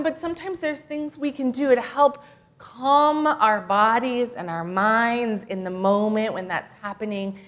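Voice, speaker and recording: A woman minister leads a children's segment in a worship service. Her voice sits high and light, and she sounds playful and animated. She draws the kids in with questions and gentle encouragement. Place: church sanctuary.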